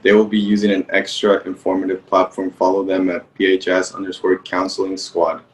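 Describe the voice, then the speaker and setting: Student announcer, deep flat voice, upbeat read, echoey room, off-mic. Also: male voice, a little fast, slight background noise.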